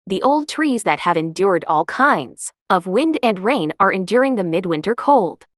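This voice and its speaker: A woman giving calm, measured, scripted travel narration as a vlogger on a winter hike. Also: medium pitch, no room sound, studio quality.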